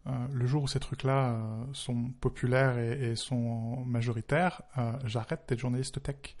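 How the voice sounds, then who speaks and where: A man's voice: medium pitch, flat delivery, measured pace, a little mellow. A man speaking as a tech journalist in a conversational commentary, emphatic and wry. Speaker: tech journalist, podcast co-host.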